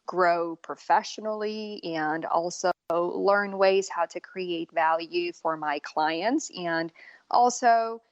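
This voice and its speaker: A woman in her forties, born in Bosnia and raised in Germany, speaking as an as a makeup artist guest on an interview podcast, unhurried and earnest. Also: on the low side, dry recording, highs cut off. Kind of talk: casual interview talk.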